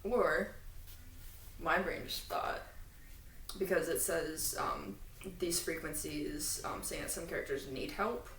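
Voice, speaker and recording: Speaking slowly in a slightly low, somewhat bright voice, a podcast co-host explains things with a fan's enthusiasm and wanders into asides. She's far from the mic in an echoey room with faint background noise.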